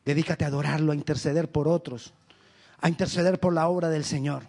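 A man preaching a sermon as pastor, emphatic and repetitive, with big swings in pitch and loudness. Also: fairly even intonation, fairly quick, vocal fry.

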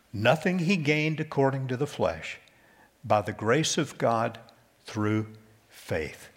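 A man preaching a sermon to his congregation, slow and deliberate, often dropping his voice low and soft for emphasis. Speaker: pastor.

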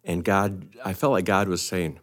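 An older pastor speaks on a podcast in a very deep voice. He tells his story in an easy, anecdotal way and makes fun of himself as he goes. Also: steady tone, normal speed, a bit bright.

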